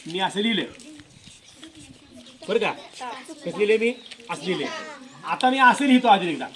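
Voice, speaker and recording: A man's voice: high voice, expressive, normal speed, fairly bright tone. A male school teacher giving a classroom lesson to children, repeating questions and coaxing pupils to answer. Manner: repetitive questioning, coaxing pupils with filler prompts.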